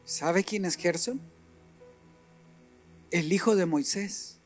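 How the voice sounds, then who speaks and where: A middle-aged male preacher delivers a sermon in a high voice, swinging between quiet asides and forceful, emphatic peaks. He acts out short exchanges as he goes. Soft music plays faintly underneath. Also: slow pace. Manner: animated, acts out dialogue and rises to emphatic peaks.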